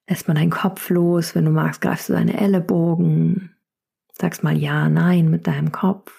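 Leading chair yoga, a female instructor counts down every hold and prompts breathing in a calm, gentle tone that frequently sinks almost to a whisper. Her low voice has a gravelly, husky texture.

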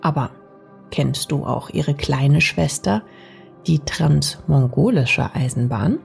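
Soft whispery lady doing a sleep story narration, really slow and soothing, bit of music behind. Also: sits low, gravelly. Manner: soft, soothing, partly whispery, addressing the listener intimately. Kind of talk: scripted bedtime sleep story narration, guided relaxation.

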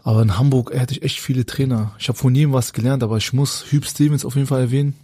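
A former footballer talking as a guest in a relaxed chat, with a mellow, somewhat husky voice. His talk is loose and colloquial, and he keeps searching for the right word. The sound is close and dry. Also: mid-range voice, quick pace, no echo. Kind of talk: casual anecdotal storytelling.

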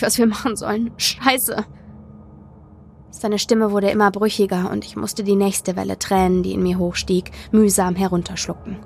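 A woman reading a first-person story aloud as audiobook narrator, in a measured, dramatic way. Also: medium pitch, vocal fry, darkish tone, a little hiss or hum.

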